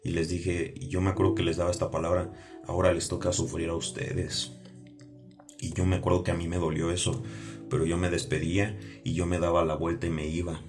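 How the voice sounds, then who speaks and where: A man from Mexico, giving a personal religious testimony in a halting, repetitive way and often checking in with "ok?". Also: low voice, flat delivery. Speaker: testimony speaker. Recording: music playing under the voice.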